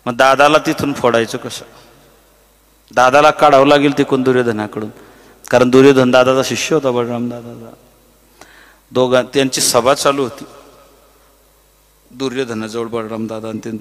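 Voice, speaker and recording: A man preaching a devotional kirtan sermon, telling the story with lively acted voices and breaking into chanted verses. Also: medium pitch, brisk. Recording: reverberant hall.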